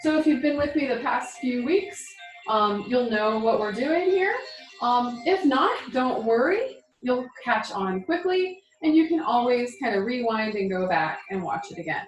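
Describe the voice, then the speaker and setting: Leading a tai chi class, a woman gives spoken movement cues in an encouraging, reassuring, informal way. Her voice sits a little high and is expressive and unhurried. The room has a roomy echo, with music playing behind her.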